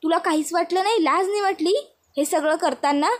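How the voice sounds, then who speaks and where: A woman's voice: sits high, lively intonation, normal speed. Woman doing a stern scolding mother-in-law. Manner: scolding, sharp and reproachful.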